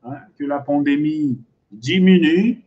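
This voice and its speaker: A man with a high voice leads a live online language lesson, drawing each word out slowly and repeating it again and again. He is playful and chuckles often, and he moves between two languages. The audio is dull and lo-fi, like a livestream. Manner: drills words by slow repetition, playful, chuckles often; switches between French and Portuguese. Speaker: French teacher.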